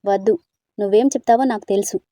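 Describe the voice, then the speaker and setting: A feisty young woman in a storybook who scolds and teases, voiced by a woman reader. Her voice is warm and mellow, recorded close and dry. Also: medium pitch, fast talker, no room sound, natural voice. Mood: scolding. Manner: sharp, scolding and teasing.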